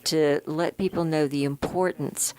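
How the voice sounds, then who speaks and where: A woman guest on a radio show promoting a prayer event, speaking in a deliberate, inviting way. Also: deep voice, fairly even intonation, darkish tone.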